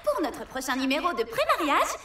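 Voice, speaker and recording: A woman voicing an eager, bossy young girl friend in an animated series dub, upbeat and announcer-like. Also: high-pitched, moderate pace, background noise. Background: music.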